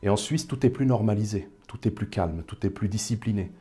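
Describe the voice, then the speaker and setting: A man's voice: fairly low pitch, brisk, dark tone, husky. A man in his thirties, from the Paris suburbs, talking casually as an interview guest, thoughtful, with many hesitations. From Paris suburbs, France. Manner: thoughtful, hesitant with frequent fillers.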